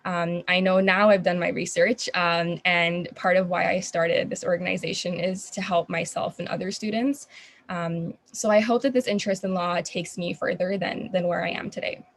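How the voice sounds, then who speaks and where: A woman's voice: fairly low pitch, fairly even intonation, moderate pace, gravelly. A young adult woman from Qatar, a student founder answering interview questions in an earnest, chatty way with frequent ums. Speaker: guest, student founder of an organization.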